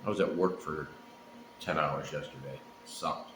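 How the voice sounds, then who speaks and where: A middle-aged man chatting casually and unhurriedly on his own, rambling with pauses and the odd swear word. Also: very deep voice. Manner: laid-back, profane, unhurried with frequent pauses. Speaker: pipe-smoking vlogger. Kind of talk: casual rambling solo chat. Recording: echoey room, faint background noise.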